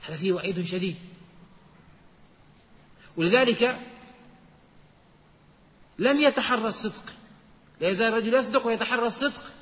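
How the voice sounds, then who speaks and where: A man giving a religious lesson, quoting texts and explaining them in a measured teaching manner. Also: high voice, fairly bright tone, long reverb tail. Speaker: Islamic scholar.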